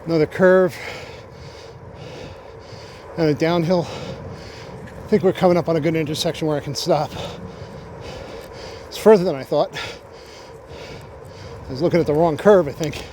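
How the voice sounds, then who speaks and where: A man's voice: fairly high pitch, a little slow, pauses often. Chatty man vlogging from his bike. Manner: relaxed, chatty, with frequent fillers. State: a little out of breath. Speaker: cycling vlogger. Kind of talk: casual vlog narration while riding. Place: outdoors on a bicycle on a road. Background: passing traffic.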